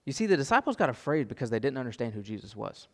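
A man preaching a sermon as pastor, earnest and gentle, his voice sometimes dropping soft for asides. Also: medium pitch, big pitch swings, racing, in a large hall. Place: church sanctuary.

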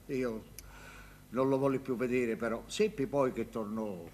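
An actor playing a pompous, stubborn middle-aged mayor with a Neapolitan accent, emphatic and repetitive in a stage comedy. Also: male voice, mid-range voice, steady tone, a little slow, a little mellow, slight background noise, natural voice. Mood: aggrieved. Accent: southern Italian, Neapolitan. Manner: theatrical, emphatic, repeats himself. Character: pompous, stubborn mayor, grudge-holding rich uncle.

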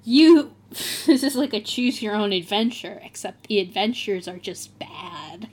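A woman's voice: mid-range voice, expressive, unhurried, husky. A woman reading a fan story aloud for comedy, with theatrical emphasis and frequent laughter. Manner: reads aloud theatrically, often breaking into laughter.

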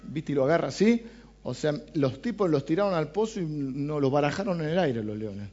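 A man's voice: fairly high pitch, animated, a little fast, mellow, dull audio. A man with an Argentine accent preaching a conversational sermon on a Bible passage, casual and chatty, often asking his listeners questions. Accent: Argentine Spanish.

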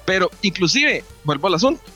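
A man with a Costa Rican accent, co-hosting a casual pop-culture chat in an animated, slangy way. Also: high-pitched, brisk, soft background music. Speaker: podcast co-host.

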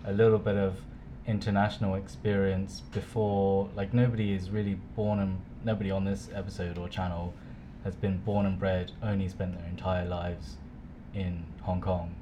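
A man's voice: deep voice, flat delivery, moderate pace, background noise. A man from the UK co-hosting a casual podcast, chatty and hesitant with many fillers. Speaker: co-host.

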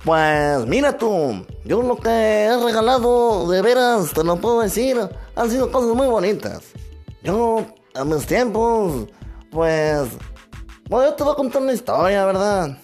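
A man's voice: sits high, sing-song, measured pace, darkish tone, soft background music, pitched above the performer's own voice, exaggerated voice. A man voicing a folksy, rustic older man from the mountains, drawling and rambling with many fillers. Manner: rambling, drawling, full of fillers like "no, hombre, pues". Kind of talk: comedy sketch character.

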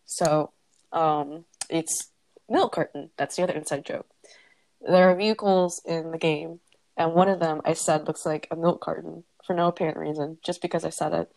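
A woman's voice: low voice, steady tone, normal speed, creaky, a little mellow, no room sound, poor audio. A teenage girl co-hosting a casual podcast on a headphone mic, explaining inside jokes with dry teasing. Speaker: podcast co-host. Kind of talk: casual chat.

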